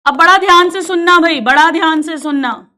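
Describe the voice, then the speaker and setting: A woman with a high voice teaches a biology lesson to her students. She tells it as a lively story and turns the science into little arguments between characters. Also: normal speed. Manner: animated, acts out quarrels between characters, addresses students as beta. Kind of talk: storytelling lesson in Hindi with English terms.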